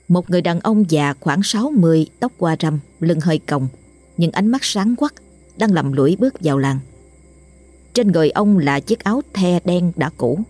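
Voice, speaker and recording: A woman narrating a horror story in a measured, somber way. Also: on the low side, dark tone, slightly rough.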